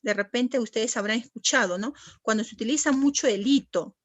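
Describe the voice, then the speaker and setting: Woman teacher, high voice, patient lecture style, dull lo-fi sound. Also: fairly quick, dry recording. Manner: patient, asks the class questions and answers them herself. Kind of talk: classroom lecture. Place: classroom.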